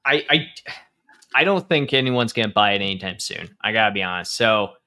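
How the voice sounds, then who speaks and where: A man's voice: on the low side, lively intonation, fairly quick, pushed and bright. A man co-hosting a live show, chatting casually with many fillers and stammered restarts. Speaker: co-host. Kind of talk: casual live-stream chat.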